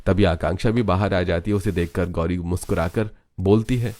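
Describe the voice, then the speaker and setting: Deep-voiced male story narrator. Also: fairly even intonation, moderate pace, a little mellow. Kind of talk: scripted narration.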